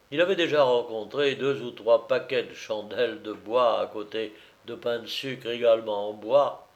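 A man reading a children's novel aloud as narrator, with lively storytelling. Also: medium pitch.

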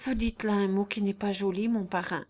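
A woman's voice: medium pitch, fairly even intonation, a little fast, a little mellow, natural voice. A woman voicing a simple, devoted young peasant girl who speaks earnestly and plaintively in an audiobook. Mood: pleading. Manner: earnest, plaintive, rustic phrasing. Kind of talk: audiobook character reading.

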